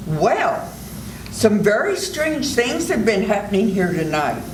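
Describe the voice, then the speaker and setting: An older woman playing a composed woman doctor in an amateur old-time radio melodrama, speaking in a calm, measured way. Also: medium pitch, roomy sound, recorded from a distance, slight background noise, low-quality recording. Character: cool, composed woman doctor under suspicion.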